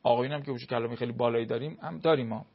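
A man's voice: mid-range voice, husky, lo-fi sound. A man, a cleric, giving earnest marriage advice in an explanatory talk full of everyday examples.

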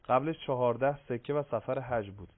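Hesitant TV host, tinny sound. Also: male voice, medium pitch. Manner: measured, hesitant with frequent fillers. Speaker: program host reading viewer questions. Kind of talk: live broadcast hosting. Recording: tinny phone-like broadcast audio.

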